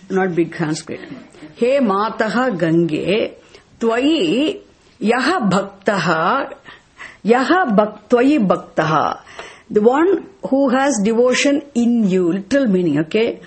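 Her voice is mid-range, husky, and darkish as this Tamil-accented teacher walks her class through Sanskrit and Vedanta scripture one verse at a time. She drives home key phrases by repeating them and uses tag questions to check in.

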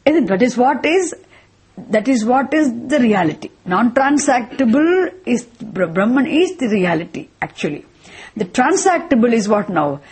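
A woman with a South Indian accent and a husky voice, teaching a philosophy lesson in a didactic way, repeating points and posing rhetorical questions. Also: on the high side, a little mellow. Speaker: Vedanta teacher.

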